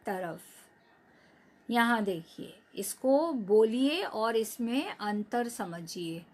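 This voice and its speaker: A woman teacher with a somewhat high voice talks at a very slow, careful pace. She gives a recorded lesson to young children and stretches out each word so they can repeat after her. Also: a bit bright. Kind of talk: recorded online class lesson.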